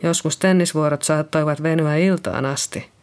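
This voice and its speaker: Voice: mid-range voice, fairly even intonation, clean tone, lightly acted. An audiobook reader voicing a shaken middle-aged woman nurse who is being questioned by police, talking in a hesitant, apologetic way. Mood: nervous. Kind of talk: audiobook character reading.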